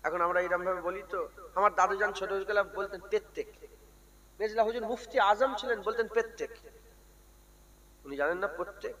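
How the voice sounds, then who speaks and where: A man delivers a sermon in a high voice. He moves from conversational teaching into loud, sung chanting. A crowd is audible around him. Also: poor audio. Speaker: preacher.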